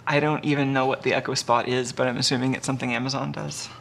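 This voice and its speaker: Male streamer, casual workshop chat, thinks aloud with fillers, bright tone. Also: mid-range voice, level tone, fast talker, gravelly, slight background noise. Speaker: live streamer building an electronics kit. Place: home workshop.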